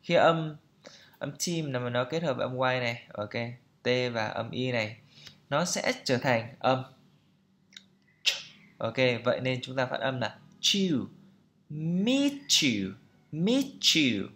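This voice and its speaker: A man's voice: mid-range voice, measured pace, long pauses, a bit bright. A man teaching English pronunciation, repeating each word several times and then patiently explaining how to say it. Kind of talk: pronunciation lesson.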